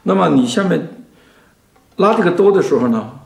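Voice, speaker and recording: Gravelly man teaching violin slowly. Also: high voice, lively intonation. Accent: Mandarin Chinese. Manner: slow, patient, instructive, trails off softly. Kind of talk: explaining to a student in a lesson. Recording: echoey room with violin playing.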